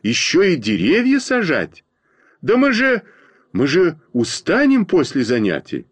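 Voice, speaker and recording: A man voicing an indignant, lazy schoolboy who protests and exclaims loudly, in a storybook reading. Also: medium pitch, huge pitch swings, unhurried, husky, no room sound, pitched above the performer's own voice, heavily acted.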